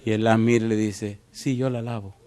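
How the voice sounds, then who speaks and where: A man preaching a sermon and telling a story from the pulpit. He moves from hushed, tender passages to sudden loud cries. He often turns to the congregation with direct questions. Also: fairly low pitch, level tone, fairly quick. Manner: storytelling preacher, swings from soft to loud exclamations. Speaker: pastor.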